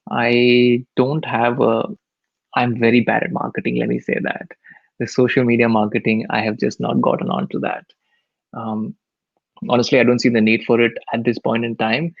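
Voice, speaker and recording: A man's voice: mid-range voice, flat delivery, moderate pace, vocal fry, no echo, muffled recording. A man with an Indian accent speaking casually and candidly as a guest on a live stream, self-effacing in manner. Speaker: photographer and teacher, webinar guest.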